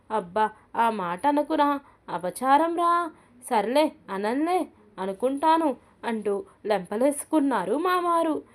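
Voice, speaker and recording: Lady storyteller reading a funny story, kinda high voice, lively. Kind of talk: reading a humorous short story aloud.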